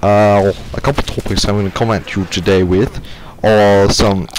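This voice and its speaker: A man's voice: fairly low pitch, little pitch movement, moderate pace. A man giving casual gameplay commentary, rambling and slipping in and out of a put-on odd accent. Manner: rambling, with many fillers and restarts. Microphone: sensitive desk mic. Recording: game gunfire and artillery noise behind.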